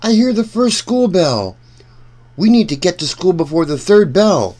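A man reads a children's storybook aloud, animated and deliberate, addressing his young listeners directly. His voice is high-pitched.

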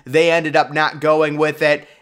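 Enthusiastic young man's clear voice-over. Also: a little high, little pitch movement, measured pace, a bit bright. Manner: enthusiastic, opinionated, conversational with fillers. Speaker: YouTube sports commentator. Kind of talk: casual commentary voice-over.

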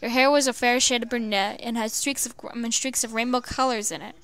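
A woman reading fan fiction aloud, halting with many stumbles and restarts. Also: a little high, steady tone, a bit bright. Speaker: storyteller.

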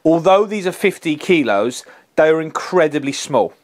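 A man's voice: on the high side, animated, moderate pace, a little mellow, a little hiss or hum. A man, reviewing trade tools in a practical, plain-spoken way, on a lapel mic in an office. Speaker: HVAC engineer reviewing tools. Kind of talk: product review presentation.

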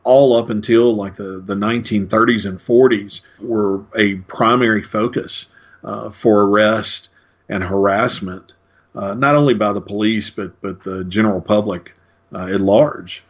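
A man speaking as an author and guest in an interview, explaining his points in a measured way with frequent restarts. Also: fairly low pitch. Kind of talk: conversational interview. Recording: dull lo-fi recording.

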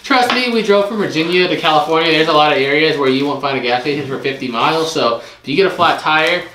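Speaking fast in a slightly high, sharp voice, this man chats casually while sizing up storage unit finds and estimating their resale prices. He's the co-host, and he restarts himself now and then. Faint noise sits under an echoey room sound.

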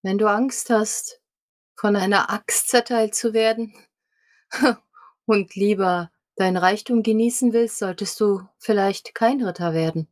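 A woman's voice: mid-range voice, a little slow. A woman playing a squire character in a tabletop role-play, speaking in a direct, challenging way. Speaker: player.

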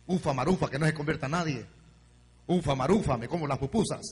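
A man voicing a sorcerer who mutters a spell in a low chant. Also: quick pace, a little mellow, husky. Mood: mocking. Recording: long hall reverb, faint hum.

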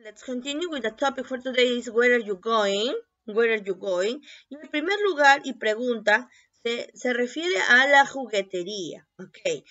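A woman teaching a bilingual English lesson, repeating each word slowly and often checking with a quick "ok?". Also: on the high side, fairly bright tone. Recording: dull lo-fi recording.

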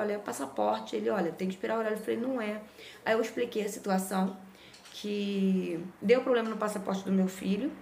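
A woman's voice: mid-range voice, creaky, roomy sound, a little hiss or hum. A woman with a Brazilian Portuguese accent, a mother and vlogger, chatting animatedly as she tells a personal story. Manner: chatty, lively, frequent "né?" tag questions. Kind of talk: casual storytelling vlog.

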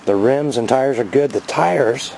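A man in his fifties giving a rambling, chatty show-and-tell vlog outdoors by his garage, filming on a handheld camera and getting excited over his finds. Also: medium pitch, measured pace, gravelly, slight background noise, poor audio. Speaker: vlogger.

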